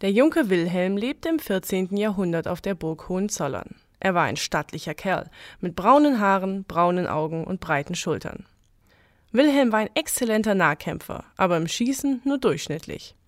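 A woman reading a folk legend aloud as a storyteller in a calm, measured way. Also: mid-range voice, no room sound, studio quality. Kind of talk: scripted legend narration.

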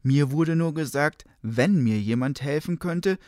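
A cowardly, scheming nobleman in a spoken legend, done by a man reading aloud. He answers in nervous, defensive bursts and his voice rises higher than the narration. The sound is dry and close. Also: unhurried, a little mellow, dry recording, natural voice.

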